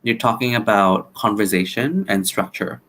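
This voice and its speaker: A man's voice: on the low side, moderate pace, fairly bright tone, slight background noise. A man chatting casually as a guest, answering in a laid-back, brief way. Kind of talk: casual chat.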